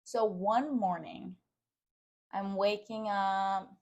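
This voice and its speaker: A woman's voice: mid-range voice, fairly even intonation, drawn-out words, darkish tone, muffled recording. A young woman co-hosting a podcast, telling a story in rambling casual chat with lots of fillers. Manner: rambling, filler-heavy, with frequent "like". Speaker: podcast co-host.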